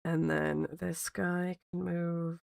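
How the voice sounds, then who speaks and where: A woman streams casually while she draws, her voice squeaky from being sick. It sits a little low for a woman and crackles with gravelly fry. The sound is dry and close as she thinks out loud and repeats herself. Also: level tone, takes it slowly, no room sound. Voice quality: squeaky, like a squeaky toy. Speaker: art streamer. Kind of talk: casual livestream chat while drawing.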